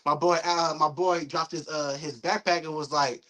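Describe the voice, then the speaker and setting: A young man, a guest in a casual interview, telling a story in a lively, profane way, acting out what people said. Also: fairly high pitch, normal speed, slight background noise, poor audio. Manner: animated, profane storytelling with acted-out quotes.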